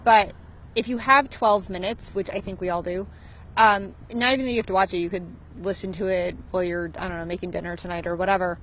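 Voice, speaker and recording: A woman vlogger talking casually on a live stream, animated and chatty, swearing now and then. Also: on the low side, fairly quick, low-quality recording. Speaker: motivational vlogger.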